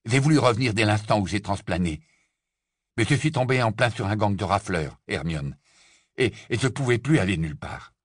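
A man's voice: on the low side, expressive, moderate pace, husky, no room sound, studio quality. A man voicing a sheepish, stammering teenage boy wizard who sometimes bellows back. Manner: stammering, apologetic, then bellowing.

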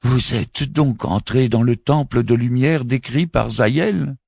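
A man voicing a grave, measured religious leader in an audiobook. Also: low voice, big pitch swings, darkish tone, husky, no echo, clean studio sound, pitched above the performer's own voice, exaggerated voice. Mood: solemn. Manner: solemn, measured.

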